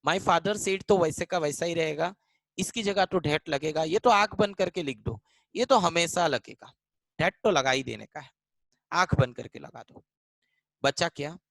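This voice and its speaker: A man's voice: a little high, unhurried, creaky, a bit bright, no echo, poor audio. A man teaching English grammar in a live online class in Hindi, mixing in English, repeating lines and calling students by name. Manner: switches between Hindi and English mid-sentence.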